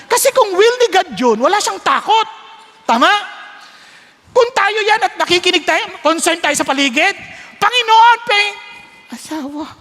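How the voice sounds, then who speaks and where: High, bright-voiced animated preacher. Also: male voice, normal speed. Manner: animated storytelling, mixes Tagalog and English, acts out voices. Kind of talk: sermon. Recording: long hall reverb.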